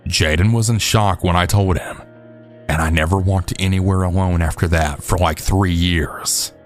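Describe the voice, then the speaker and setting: A man narrating true scary stories in a steady, measured storytelling voice. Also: deep voice. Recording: faint background music.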